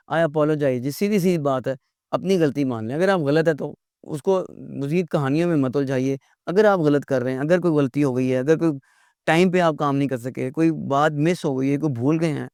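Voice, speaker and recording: A man's voice: a little high, a little mellow, no room sound, clean studio sound. A middle-aged man teaching an English lesson, earnest and repeating words to drill them in.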